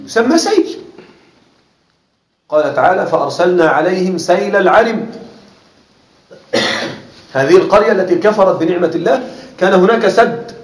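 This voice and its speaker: A man teaching a class on Arabic rhetoric, repeating words slowly and often asking his students whether they follow. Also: high-pitched, lively intonation. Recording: echoey classroom with faint noise.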